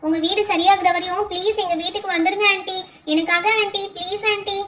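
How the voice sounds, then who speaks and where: A woman's voice: very high-pitched, steady tone, fast talker, sharp tone. A woman doing an earnest pleading little girl. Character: kind-hearted little girl, a loyal friend. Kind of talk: doll pretend-play voice acting.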